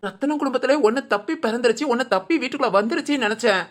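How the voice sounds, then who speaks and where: A woman's voice: fairly high pitch, rapid-fire, natural voice. A woman voicing a bossy middle-aged village mother-in-law who scolds and threatens the young couple in a cartoon. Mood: exasperated. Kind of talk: cartoon voice acting.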